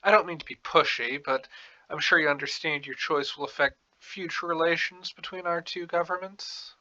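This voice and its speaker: A man voicing a formal, courteous fantasy game ambassador of wizards in a stately, measured, diplomatic way. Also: fairly high pitch, fairly even intonation, bright, forceful tone, muffled recording. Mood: courteous, pushy.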